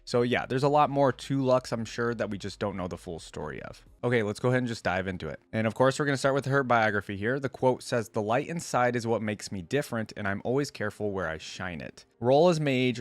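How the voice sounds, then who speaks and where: A man with a lowish voice hosts a reaction video, reading passages aloud and breaking off to make casual, conversational comments. The recording is dry.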